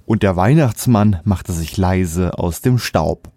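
A man narrating a comic fairy tale in calm scripted storytelling. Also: low voice, slow pace, dry recording, studio quality.

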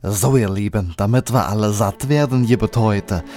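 A man's voice: fairly low pitch, moderate pace, warm tone, natural voice. A man voicing Santa's sheepish, boastful brother, talking hesitantly in a comic radio play. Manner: hesitant, show-off. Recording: music bed under voice.

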